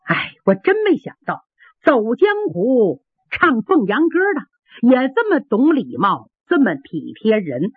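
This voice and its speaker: Gracious storybook princess, put on by a woman, husky voice, tinny dry sound. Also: fairly high pitch, sing-song, unhurried, no echo, heavily acted. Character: proud young princess, softening and kind.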